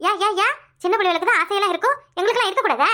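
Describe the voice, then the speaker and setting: A woman voicing a fiery, quarrelsome young wife in a cartoon, scolding quickly and repeating her lines. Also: very high voice, bright, forceful tone. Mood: angry, scolding. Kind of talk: cartoon voice acting.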